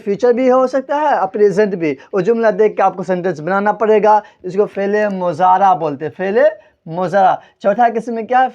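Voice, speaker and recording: A high-pitched man teaches an Urdu grammar lesson at a board, captured in dull audio. He keeps quizzing the class, answering his own questions, and spelling out words letter by letter.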